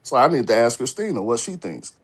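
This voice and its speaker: A man's voice: medium pitch, sing-song, fairly quick, husky. A man telling a rambling, casual story on a video call, restarting his sentences and calling his listeners "y'all". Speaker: caller sharing a story.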